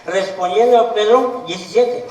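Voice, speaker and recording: A man's voice: sits high, normal speed, darkish tone, far from the mic. A man preaching a sermon to a Bible study group, speaking emphatically and putting questions to the congregation. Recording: echoey room, voice from the mic.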